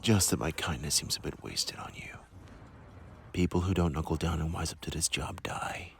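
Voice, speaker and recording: A man playing a stern, cold young male supervisor of devil hunters in an anime fan dub, speaking in a hushed, clipped, menacing way. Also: extremely low pitch, moderate pace, gravelly, whispered, heavily acted. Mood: cold, scolding.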